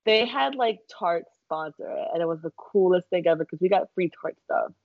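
A young woman podcast co-host speaks at normal speed with a fairly low pitch and lively intonation. Her casual chat is giggly and full of swearing, recorded with no echo in dull lo-fi sound.

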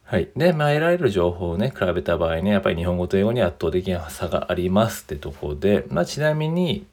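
Fast-talking man with a gravelly low voice. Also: sing-song, a little mellow. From Japan. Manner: chatty, works through a numbered list; often restarts and corrects himself mid-phrase. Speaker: podcast host. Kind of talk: casual solo podcast monologue.

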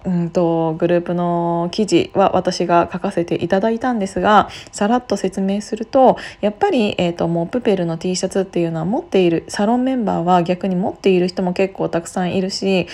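A woman hosts a casual solo radio chat, keeping her voice down and pausing often on drawn-out fillers as she explains things informally. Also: on the low side. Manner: keeping voice down, speaking softly in a place needing quiet. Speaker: radio show host, apparel designer.

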